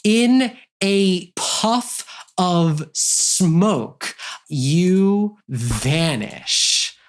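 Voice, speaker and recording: Slow-paced man narrating as game master. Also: high-pitched, expressive. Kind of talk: improvised tabletop game narration.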